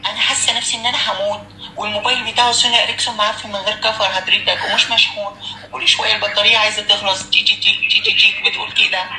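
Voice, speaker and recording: A man's voice: high voice, little pitch movement, echoey room, background noise. A man doing a woman's voice, playing an anxious, complaining female patient with an Egyptian Arabic accent in a prank phone call. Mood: frantic complaining. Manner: rapid, dramatic complaining.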